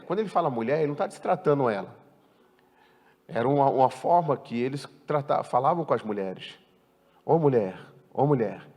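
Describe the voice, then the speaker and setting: A male pastor preaching a sermon, asking the congregation questions and swinging from loud emphatic peaks to quiet endings. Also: medium pitch. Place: church hall. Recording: church hall reverb.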